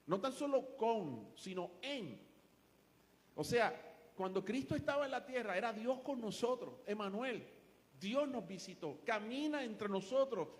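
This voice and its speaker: Puerto Rican male pastor, high-pitched, emphatic repetitive sermon delivery, long church reverb. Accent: Puerto Rican Spanish. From Puerto Rico. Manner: emphatic preaching, building phrases by repetition. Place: church sanctuary.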